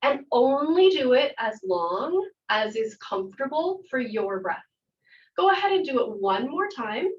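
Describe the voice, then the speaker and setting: Woman, higher voice, theater instructor, calm guiding workshop talk, distant muffled recording. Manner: calm, guiding, slows down for visualization. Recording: muffled audio from far off.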